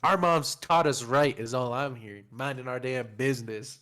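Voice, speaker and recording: A man's voice: medium pitch, normal speed. A man co-hosting a casual movie review chat, swearing a lot, laughing often and acting out scenes. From Mexican-American family. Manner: profane, laughs often, animated retellings. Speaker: podcast co-host.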